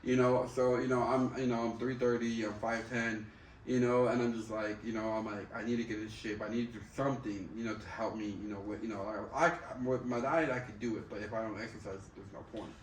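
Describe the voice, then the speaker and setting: A man's voice: mid-range voice, fairly even intonation, brisk. A man chatting casually and candidly, swearing freely and repeating himself in slangy, conversational phrases. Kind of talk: casual chat. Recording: roomy, distant mic, faint background noise.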